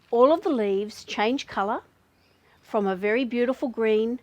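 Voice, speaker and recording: A woman presenting to young children outdoors in a garden, with a bright, sing-song children's-host delivery, speaking to them directly. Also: on the high side, dry recording. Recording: clear outdoor background noise.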